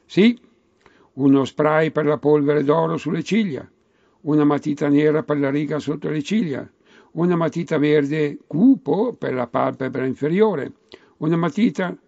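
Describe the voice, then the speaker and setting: A man acts out a tall, polite saleswoman in a comic tale in dialect. The patter is courteous and relentless, product after product. The voice is creaky, on a slightly dull recording. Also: measured pace, darkish tone, no echo. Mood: insistent, courteous. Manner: polite, recites product lists like a sales pitch. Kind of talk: comic storytelling, acted dialogue.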